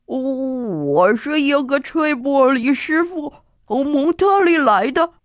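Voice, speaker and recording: A woman's voice: high-pitched, lively intonation, takes it slowly, no echo, studio quality. A woman doing a girl faking a shaky old man. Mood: pretending. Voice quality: trembling.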